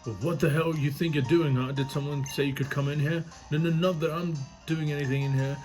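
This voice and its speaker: A man's voice: on the high side, steady tone, brisk, darkish tone, soft background music, pitched above the performer's own voice, close to an everyday voice. A man voicing a swaggering young gang thug from a video game, stammering and picking a fight. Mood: combative.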